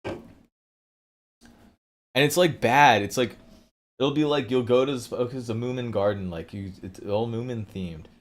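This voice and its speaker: A man's voice: mid-range voice, normal speed, pauses often. A man hosting a casual livestream, rambling from topic to topic, swearing often and laughing a lot. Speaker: livestream host.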